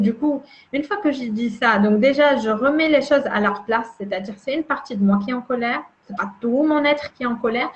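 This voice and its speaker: A woman explaining a calming emotion exercise in conversation, gentle and demonstrative, often repeating her words. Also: on the high side, highs cut off, a little hiss or hum. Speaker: emotional wellbeing guide.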